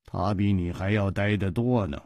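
A man's voice: sits low, moderate pace, darkish tone, no room sound. A male storyteller voicing a proud, stern desert guide who speaks curtly, in a storytelling radio performance. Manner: stern, curt.

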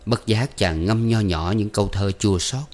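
A man narrating an audiobook novel in a measured, steady way. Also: on the low side.

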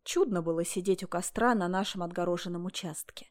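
A woman narrating a story in a calm, steady reading voice. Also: lowish voice, brisk. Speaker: reader.

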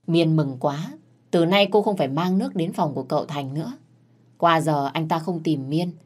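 A woman narrating a scripted story in a steady, even storytelling manner. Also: sits low. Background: faint music.

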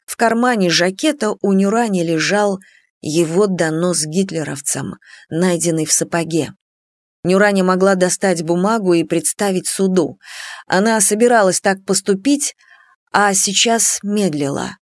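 A woman reading a novel aloud as an audiobook, in a measured, unhurried manner. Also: lowish voice, no echo, studio quality. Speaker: audiobook narrator. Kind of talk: scripted narration.

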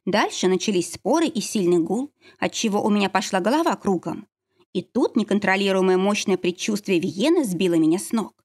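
A woman's voice: medium pitch, lively intonation, fairly quick, a little mellow. A woman reading a first-person novel aloud, dramatic and tense. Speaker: audiobook narrator.

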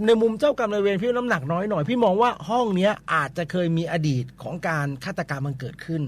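A male radio host with a fairly high voice chats with a caller about ghost stories. He talks in an animated, rambling way, repeating words and filling pauses as he goes. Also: slight background noise. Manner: chatty, animated, many repetitions and fillers. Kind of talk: casual call-in chat.

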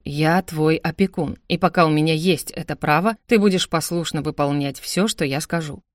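A woman's voice: sits low, normal speed, dry recording, studio quality, voice pushed down, natural voice. A woman reading the part of a cold, domineering young man who is his sister's guardian, speaking curtly and with contempt. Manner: curt, icy, contemptuous.

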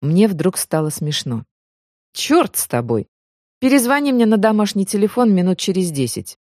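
Expressive woman reading aloud. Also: mid-range voice, normal speed, no echo, clean studio sound. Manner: expressive, emotional. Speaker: audiobook narrator. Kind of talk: first-person audiobook narration.

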